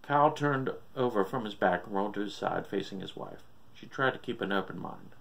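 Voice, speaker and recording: A man's voice: on the low side, animated, brisk, gravelly, fairly bright tone. A man reading a scripted horror story as its narrator.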